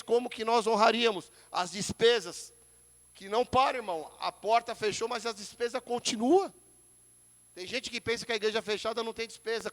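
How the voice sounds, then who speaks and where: High-voiced Brazilian pastor preaching in a hall. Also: male voice. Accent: Brazilian Portuguese. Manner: emphatic, repeatedly addresses listeners as brother. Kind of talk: sermon.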